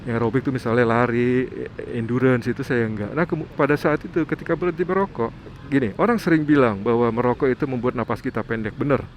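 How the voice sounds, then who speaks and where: A middle-aged man talks quickly in a casual vlog, full of rhetorical questions. His pitch sits in an ordinary middle range. A faint hum of outdoor noise runs under his voice. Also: rough recording. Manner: chatty, asks himself rhetorical questions. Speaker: vlogger. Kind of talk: casual advice talk.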